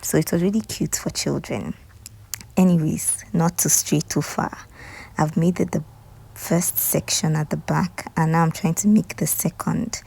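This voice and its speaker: A Nigerian woman talking viewers through a hair tutorial in a casual voice-over, often dropping into soft, half-whispered asides. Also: low-pitched, fairly even intonation, unhurried, gravelly, slightly rough.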